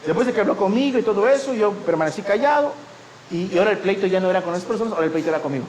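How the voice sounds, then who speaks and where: A male pastor preaching with a high, lifted voice, telling stories and acting out the people in them. The sound rings around an echoey church hall. A faint hum of noise sits underneath. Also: rapid-fire, a little mellow. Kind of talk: sermon.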